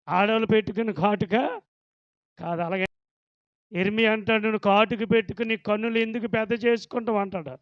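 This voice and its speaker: Male pastor, high pitch, fiery sermon delivery, dull dry recording. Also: no echo. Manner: fervent preaching, swinging from loud warnings to low murmurs.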